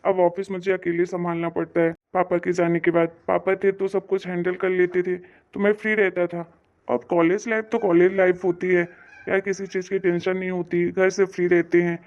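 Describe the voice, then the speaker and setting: A woman voicing an earnest, dutiful young husband in a cartoon story, reassuring and even-toned. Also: on the low side, normal speed, dull audio, natural voice.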